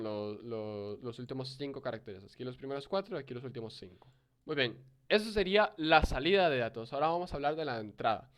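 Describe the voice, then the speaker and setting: Young male tutor, smooth clear voice, reads code aloud step by step, keyboard typing behind. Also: medium pitch. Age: young adult. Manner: explains step by step, reading code aloud, with fillers and self-corrections. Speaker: programming tutor. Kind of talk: screen-recorded coding lesson.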